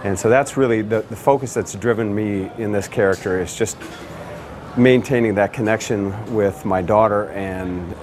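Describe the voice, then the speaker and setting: A man talking as an actor playing a father in a behind-the-scenes interview, measured and earnest. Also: fairly low pitch, noisy background.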